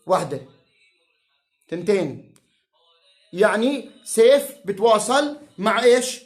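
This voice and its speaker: A man with a Palestinian Arabic accent rants to camera in a fierce, insulting, mocking way. His voice sits high for a man. It rings around an echoey room. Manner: heated, insulting and profane, mocking. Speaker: self-styled political commentator. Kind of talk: angry rant to camera.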